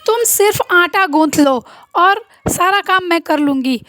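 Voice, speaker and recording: A woman narrator gives voice to a high-pitched elder sister-in-law who scolds in exclaiming, rising questions. She sounds bossy but caring. The recording is dry and close. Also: expressive, measured pace, fairly bright tone, no room sound, full character voice.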